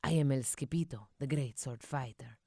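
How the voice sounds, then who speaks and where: A woman's voice: a bass voice, normal speed, dark tone, no echo, studio quality, pitched below the performer's own voice. A woman voicing a small boy cat who playfully acts the brave Chihuahua sword fighter, with theatrical bravado. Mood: bold, playful.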